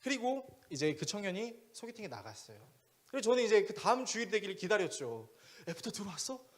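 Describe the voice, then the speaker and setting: Brief: male pastor, sermon storyteller, slightly high and very lively in pitch. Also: fairly quick. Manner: animated storyteller who acts out dialogue.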